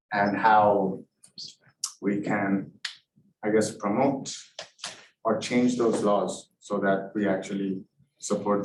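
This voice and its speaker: Halting young man, echoey. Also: lowish voice. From Nepal. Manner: halting, searching for words. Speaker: election candidate. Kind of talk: answering hustings questions. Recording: echoey room from far off, background noise.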